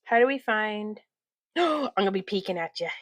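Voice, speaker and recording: A woman's voice: medium pitch, animated, moderate pace, a bit bright, no room sound, low-quality recording. Giggly chatty woman, dry close sound. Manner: giggly, chatty, laughs often. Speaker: craft vlog host. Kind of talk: casual chat. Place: at home.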